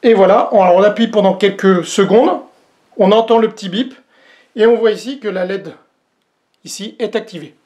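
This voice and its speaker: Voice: mid-range voice, moderate pace, a little mellow, highs cut off. A vlog host doing a casual unboxing demo, talking straight to viewers, with many hesitant fillers and a joke about their own English accent. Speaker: host reviewing a product.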